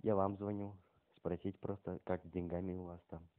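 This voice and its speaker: A man is heard over the phone in a very low voice, playing the prank caller. He talks deadpan and haltingly, and the line is narrow and tinny. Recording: muffled, band-limited phone call audio.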